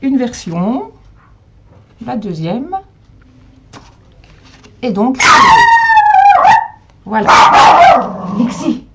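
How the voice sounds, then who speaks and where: A woman's voice: on the high side, a little slow, pauses often, highs cut off, noisy background. A woman casually hosting a live crafting demonstration from home, chatting with viewers as she works. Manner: chatty, answers viewer comments and talks to her dog. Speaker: host of a live crafting stream.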